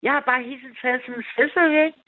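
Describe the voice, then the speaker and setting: A woman's voice: high voice, fairly even intonation. A woman in her fifties telling a long personal story on a call-in radio show, rambling, with many restarts and fillers. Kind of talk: casual phone-in storytelling. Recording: tinny phone line, dry.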